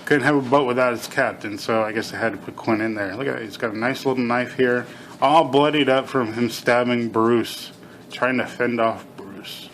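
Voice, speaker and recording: Middle-aged man, bright voice, numb half-mouth slur. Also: mid-range voice, normal speed, a little hiss or hum. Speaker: toy reviewer. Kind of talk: casual hands-on video review, unscripted.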